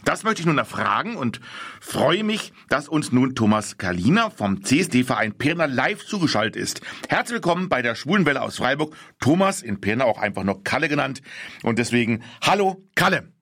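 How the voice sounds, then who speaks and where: A man's voice: medium pitch, sing-song, moderate pace, fairly bright tone, no room sound, studio quality. A man hosting a radio show, reading a prepared introduction and then interviewing a guest with short questions.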